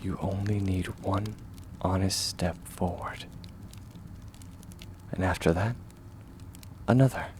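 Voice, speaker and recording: The speaker is a man voicing a gentle, steadfast young warrior in a comfort ASMR roleplay, reassuring in a measured and often hushed manner. Low-pitched and steady, he sounds soothing and earnest, with slight background noise.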